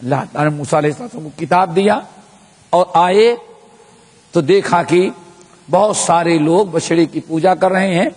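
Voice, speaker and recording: A man's voice: on the high side, darkish tone. A man giving a sermon of Quran commentary, telling a story and putting rhetorical questions to the listeners. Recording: long echo of a large hall.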